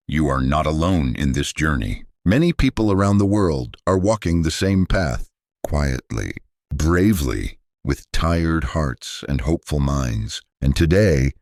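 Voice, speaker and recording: A man giving a calm repeat-after-me English lesson, speaking gently and deliberately in a soothing tone. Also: a bass voice, no room sound, clean studio sound. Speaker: English teacher.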